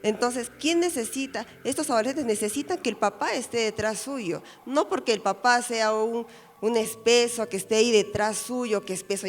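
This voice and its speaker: A woman's voice: fairly high pitch, big-room sound. A woman pastor with a Peruvian Spanish accent giving a sermon on parenting, explaining patiently and often checking in with a questioning "right?". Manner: explanatory, asks "¿no?" after many phrases; acts out parents' words to children. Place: church.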